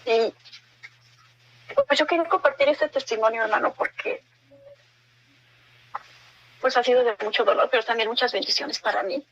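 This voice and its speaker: A middle-aged woman giving an emotional personal testimony as a guest, halting and earnest, often repeating her words. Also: on the high side, lo-fi sound, a little hiss or hum.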